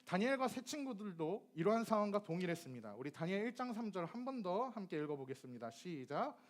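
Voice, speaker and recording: High-voiced and quick, a young preacher from Gyeonggi in South Korea gives a sermon to teenagers. He keeps it lively by asking them questions and acting out phrases in dialect as part of his youth ministry.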